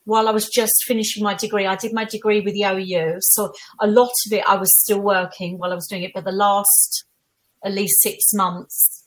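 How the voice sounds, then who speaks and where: A woman's voice: mid-range voice, flat delivery, fairly quick, low-quality recording. A middle-aged woman with an Essex accent, answering conversationally as a podcast guest in a candid, emphatic way. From Essex, England. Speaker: podcast guest, tutor and former equities trader.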